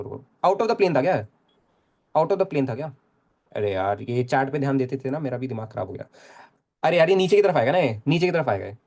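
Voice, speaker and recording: A man's voice: a little high, darkish tone. Young male physics tutor; casual, repetitive, coaxing delivery. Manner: casual, chatty, repeats phrases, coaxes students. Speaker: physics teacher. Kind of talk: live online lecture.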